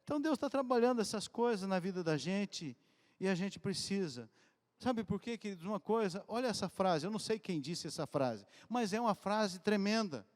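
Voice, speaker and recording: A man preaching a sermon in a conversational, animated storytelling way, from Brazil. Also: high voice, normal speed, in a large hall. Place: church hall.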